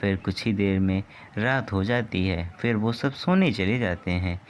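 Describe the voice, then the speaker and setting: A man narrating a cartoon story in a steady, scripted storytelling voice. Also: on the low side, a little slow, a little hiss or hum.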